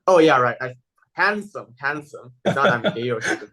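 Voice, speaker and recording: A man's voice: medium pitch, expressive, a little fast, pushed and bright, low-quality recording. Hesitant young man with a Taiwanese accent. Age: young adult. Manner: hesitant, many fillers and restarts. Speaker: interview guest. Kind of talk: casual interview answers.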